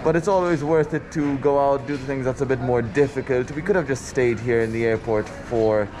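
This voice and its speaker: A man's voice: medium pitch, brisk. Chatty man talking through a face mask. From Malta. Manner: chatty, upbeat, addresses viewers directly. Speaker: travel vlogger. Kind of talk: casual travel vlog to camera. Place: airport terminal, indoors.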